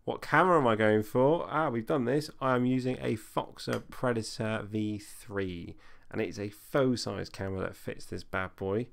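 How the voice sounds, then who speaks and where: A man's voice: lowish voice, normal speed, gravelly, hardly any pauses. A man chatting casually on a live stream as he builds a racing drone, answering viewer questions while he works.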